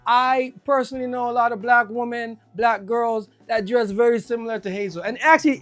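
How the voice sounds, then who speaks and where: Here a Jamaican-accented reviewer talks casually about a video game at a medium pitch. Eager and upbeat, they tend to repeat words whenever excitement takes over.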